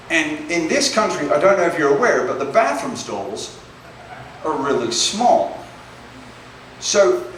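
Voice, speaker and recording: A man's voice: on the high side, a bit bright, far from the mic, a little hiss or hum. A British man doing a stand-up comedy set, chatty and self-deprecating, often checking in with "right?". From Britain. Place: comedy club stage. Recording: echoey club, mic heard from afar.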